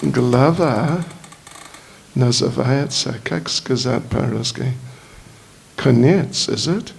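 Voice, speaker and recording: Speaking Russian as a learner, this English-accented native English speaker is a visiting spiritual teacher delivering a slow lecture with chanted verses in a lecture hall. He frequently hunts for words, and his medium-pitched voice has a creaky quality.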